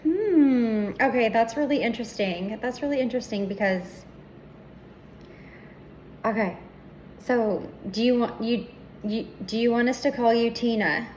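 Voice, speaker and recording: Hoarse, softly whispering tarot reader woman. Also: on the high side, measured pace, long pauses, a little hiss or hum. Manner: soft, often drops to a breathy whisper. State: slightly hoarse, losing her voice. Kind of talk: casual spiritual reading chat.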